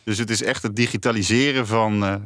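A man's voice: on the low side, fairly even intonation, quick pace, fairly bright tone, dry recording, studio quality. A man being interviewed about his company, talking with many fillers and restarts. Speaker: company founder as guest. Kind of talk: business interview.

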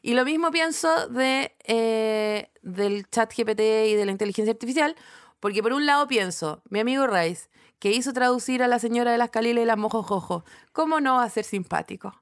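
A woman's voice: on the high side, normal speed. A Chilean woman, a comedy writer co-hosting a podcast, chatting casually with sardonic, rambling restarts. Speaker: podcast co-host. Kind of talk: casual chat.

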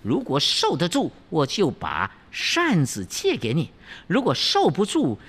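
铁扇公主, a shrill furious princess. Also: huge pitch swings, measured pace, fairly bright tone, breathy edge, heavily acted. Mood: threatening. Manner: shrieking taunts, mixing in English insults. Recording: long hall reverb, faint ambience.

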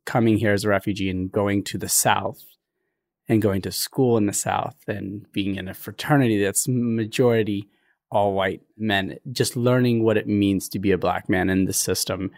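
A young adult man from Ethiopia, a podcast guest talking in an earnest, reflective way with frequent pauses. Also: lowish voice. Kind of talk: conversational interview.

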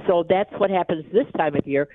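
Speaking a little fast in a fairly low voice, this woman is a company chief executive and tax preparer appearing as a guest on live radio. She comes across as sharp and fully alert while she explains things. Her call has a thin, tinny phone quality but no room sound.

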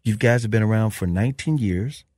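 A male podcast host with a low, mellow voice, asking an enthusiastic follow-up question. The sound is dry and close. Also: a little fast, dry recording. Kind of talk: interview conversation.

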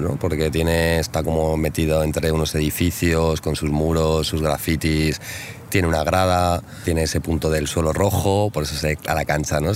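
A man talking casually in an interview at an outdoor court, relaxed and chatty with many fillers. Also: sits low, a little hiss or hum. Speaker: interviewee, league co-founder.

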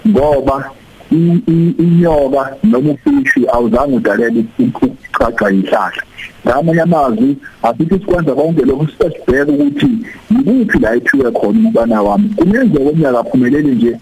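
Fast, husky Zulu-accented man. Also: a little high, sing-song, darkish tone, no echo, faint music behind, low-quality recording. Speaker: studio guest giving parenting advice. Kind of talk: explanatory radio talk in Zulu with English phrases.

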